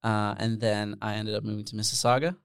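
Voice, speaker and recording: A Netherlands-born man talks in a loose, easygoing way, full of ums and trailing tangents. His voice sits low and sounds smooth and clear. The recording is close and dry. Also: a little fast, dry recording. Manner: relaxed, rambling with many fillers. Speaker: podcast guest, musician. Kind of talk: casual interview chat.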